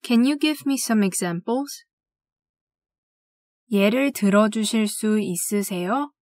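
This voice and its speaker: A woman teaching language, reading classroom phrases slowly and carefully and saying each one twice. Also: mid-range voice, a little mellow, no room sound, studio quality. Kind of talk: scripted phrase drill.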